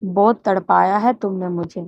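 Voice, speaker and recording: A woman's voice: mid-range voice, fairly even intonation, gravelly, a little mellow, lightly acted. A woman voicing a playful, teasing young bridegroom, in a dull, muffled recording.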